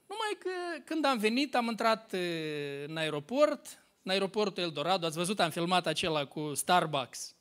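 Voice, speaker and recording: High-voiced man preaching with chatty stories. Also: a bit bright. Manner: chatty, storytelling, addresses listeners as dear ones. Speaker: pastor. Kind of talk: informal sermon with personal stories. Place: church hall with congregation.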